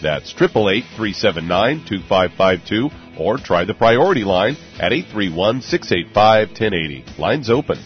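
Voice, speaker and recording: A man's voice: on the low side, big pitch swings, moderate pace, hardly any pauses, over music. A man announcing the phone lines for a radio show, reading out numbers, taped off the radio. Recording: dull dry lo-fi radio tape.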